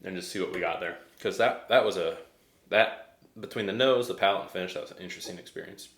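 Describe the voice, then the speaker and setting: A man's voice: sits low, a little fast, a bit bright, echoey room. An American man chatting casually as he reviews a tasting, hesitant and thinking aloud. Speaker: whiskey reviewer.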